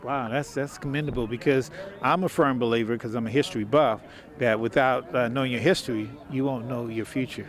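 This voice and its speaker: A man's voice: mid-range voice, steady tone, brisk. Earnest man hosting an outdoor interview. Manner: earnest, thanking guests at length. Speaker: community TV show host. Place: outdoors at a city event.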